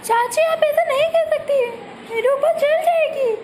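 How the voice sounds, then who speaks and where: A woman voicing a proud, boastful young girl in a homemade family skit, shrill and quick to scold. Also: darkish tone, a little hiss or hum. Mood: urgent.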